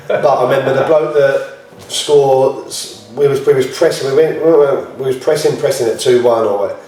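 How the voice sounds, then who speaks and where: Medium-pitched and dark in tone, a football player speaks at normal speed, joking around and sharing stories in a casual group chat. The recording comes from a distant mic in a very echoey indoor room with faint background noise.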